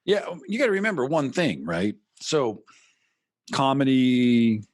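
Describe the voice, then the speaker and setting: A man's voice: mid-range voice, a little slow, dry recording, clean studio sound. A man, a former radio host, talking casually and animatedly as a podcast guest. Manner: animated, talks in long stretches, acts out quotes. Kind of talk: casual interview chat.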